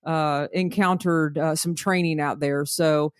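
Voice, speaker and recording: A woman's voice: deep voice, fairly even intonation, measured pace, clean tone, no echo. Woman hosting, dry sound. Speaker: podcast host interviewing a guest. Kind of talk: casual conversational interview.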